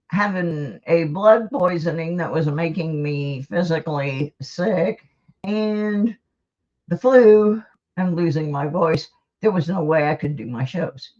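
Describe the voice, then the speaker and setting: A woman with a lowish, slightly mellow voice hosts a live stream, chatting casually and rambling to her viewers in a folksy, self-deprecating way. The recording is dull and lo-fi.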